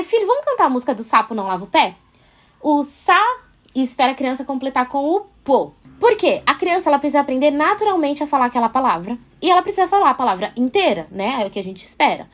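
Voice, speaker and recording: High-voiced Brazilian woman giving parenting tips. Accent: Brazilian Portuguese, São Paulo. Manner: friendly, explanatory, tag questions like "né" and "tá". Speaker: parenting vlogger. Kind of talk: casual advice vlog.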